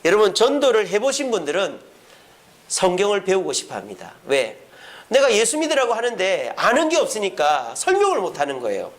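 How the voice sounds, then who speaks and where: A man's voice: high-pitched, fairly quick. A man preaching as a pastor at a church prayer service, posing questions to the congregation and answering them himself. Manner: acts out quoted speech in lively voices. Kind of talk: sermon.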